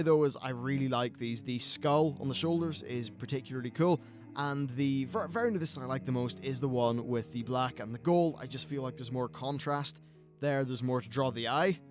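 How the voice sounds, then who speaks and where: A man with a British accent giving casual, conversational and opinionated commentary as a gaming video host. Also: mid-range voice.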